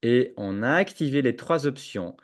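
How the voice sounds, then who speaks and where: A man giving a screen-share software tutorial to teachers, hesitant with many fillers and restarts, on a computer microphone. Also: mid-range voice, expressive, normal speed. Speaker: educational software trainer. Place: at a computer, webinar with chat. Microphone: own computer microphone with noise suppression.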